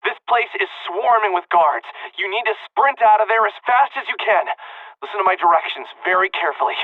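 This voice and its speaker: Brusque guide on a tinny comm link. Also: male voice, sits high, animated, no room sound. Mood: urgent. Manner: brisk, commanding, impatient. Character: brusque young man guiding over a comm link. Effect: radio comm filter. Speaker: video game character. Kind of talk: game voice acting.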